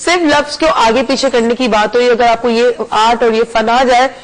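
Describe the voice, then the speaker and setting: A woman's voice: a little high, fairly even intonation, normal speed, poor audio. A woman hosts a television talk show in a casual, chatty way. She keeps the conversation moving with her guest and mixes English phrases freely into her speech.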